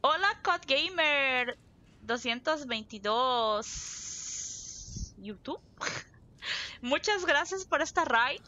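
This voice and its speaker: A woman's voice: sits high, lively intonation, extremely slow, pauses often, pushed and bright, lo-fi sound. A woman from southern Brazil with a southern Brazilian accent, chatting casually and at length while streaming a game. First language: Portuguese. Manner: chatty, talks a lot, laughs easily. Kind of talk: casual live gameplay chat.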